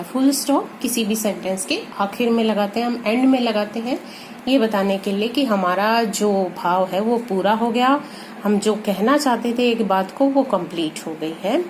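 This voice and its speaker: A woman with a Hindi accent teaching an English lesson to students, explaining slowly and repeating key terms. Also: fairly high pitch, a little hiss or hum, low-quality recording. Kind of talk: classroom lesson.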